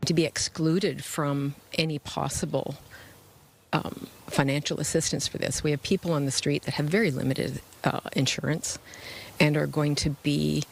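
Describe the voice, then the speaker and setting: A man speaks as a resident in a news interview. His voice is fairly high and gravelly, with some faint noise behind. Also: steady tone, moderate pace. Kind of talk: interview answer.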